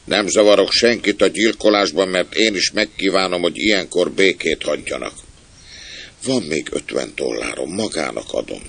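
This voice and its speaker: A man's voice: deep voice, animated, vocal fry, fairly bright tone, husky, exaggerated voice. A man voicing a surly, cagey old sea captain who talks in short, grumbling lines. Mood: gruff. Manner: curt, grumbling.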